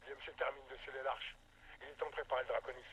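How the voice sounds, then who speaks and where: A man's voice: medium pitch, little pitch movement, racing, noisy background. A man voicing a ruthless male mercenary commander in a video game, giving curt military orders through a helmet radio transmission. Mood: urgent.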